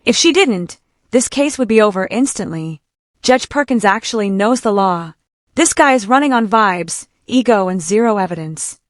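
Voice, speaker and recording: A woman's voice: mid-range voice, animated, moderate pace, dry recording. Woman doing snarky commentary voiceover, incredulous and mocking, super dry audio. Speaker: commentary host. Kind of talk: scripted opinion commentary.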